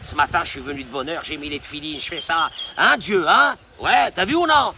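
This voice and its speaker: A man voicing an indignant male worshipper who loudly complains that God owes him. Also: high-pitched, very animated, a little slow, creaky, a little hiss or hum, voice pushed up, heavily acted. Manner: whiny, self-righteous, loud.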